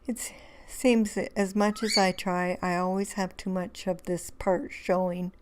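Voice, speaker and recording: A hoarse woman, rambling through a relaxed crafting tutorial voice-over with many fillers and restarts. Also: lowish voice, unhurried, noisy background. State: hoarse, losing her voice. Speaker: craft video host.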